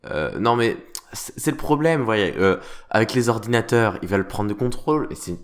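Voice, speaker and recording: A man's voice: fairly low pitch, animated, normal speed. Hesitant, mock-formal game commentator man. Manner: mock-formal, theatrical, hesitant with many fillers. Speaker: let's play host. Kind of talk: semi-roleplay game commentary.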